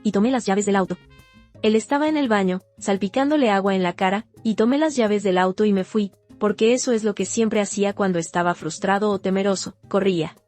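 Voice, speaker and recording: A woman narrates a personal testimony in first person, her delivery steady and sober. Her voice sits at an ordinary middle pitch with a soft, mellow warmth. A faint plucked guitar plays underneath. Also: fairly quick. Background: faint guitar music.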